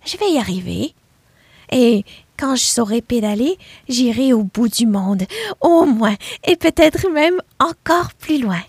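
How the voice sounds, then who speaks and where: A woman's voice: on the high side, measured pace, a little mellow, breathy edge, no echo. A woman voicing a small determined female pig in a storybook, eager and hopeful, raised a little above her own voice.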